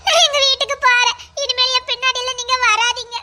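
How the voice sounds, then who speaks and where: A woman playing a frightened village girl, very high. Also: little pitch movement, fast, sharp tone, heavily acted. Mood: fearful. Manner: pleading, repeating herself anxiously. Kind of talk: amateur village drama.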